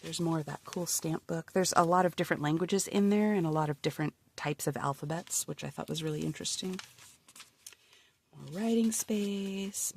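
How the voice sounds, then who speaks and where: A deep, gravelly, somewhat dark female voice belongs to a crafter leafing through her handmade journal while nursing a cold. Her chat is relaxed and bubbly, frequently dropping to a murmur, over a little hiss or hum.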